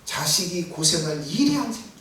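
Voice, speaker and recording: High-voiced pastor preaching in an echoey hall. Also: male voice, very animated, fairly quick, recorded from a distance, a little hiss or hum. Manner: emphatic, rising to near-shouts, then dropping to hushed asides. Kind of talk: sermon. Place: church sanctuary.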